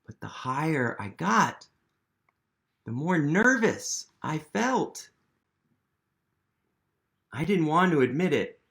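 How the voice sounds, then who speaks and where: A man's voice: fairly high pitch, sing-song, takes it slowly, vocal fry, pauses often, fairly bright tone, full character voice. A man voicing a nervous egg who climbs back up a wall, read earnestly in first person from a storybook.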